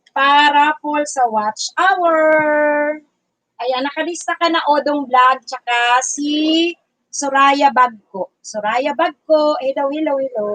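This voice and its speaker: Loud, high-voiced woman hosting a livestream. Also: no room sound, poor audio. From Bicol region, Philippines. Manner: loud, chatty, greeting viewers by name. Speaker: livestream host and teacher. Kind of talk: casual livestream chat.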